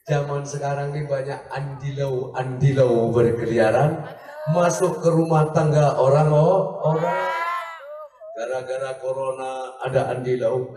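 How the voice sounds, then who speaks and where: A man's voice: mid-range voice, distant mic. Man preaching a jokey sermon in an echoey hall. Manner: jokey, asks the crowd questions. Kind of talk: humorous religious sermon. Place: large hall at a religious gathering.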